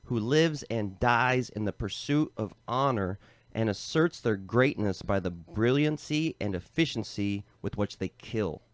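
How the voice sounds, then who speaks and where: A man's voice: on the low side, unhurried, dry recording. An American man co-hosting a podcast, casually explaining a topic with lots of fillers like "um" and "like". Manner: relaxed, filler-heavy, lots of "um" and "like". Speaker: podcast co-host.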